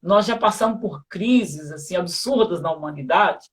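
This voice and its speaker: A man's voice: high voice, normal speed, a bit bright. A man telling a personal story in a live interview, in a reflective way, with many fillers and repeated words. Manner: reflective, with frequent fillers and repetitions. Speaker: guest speaker.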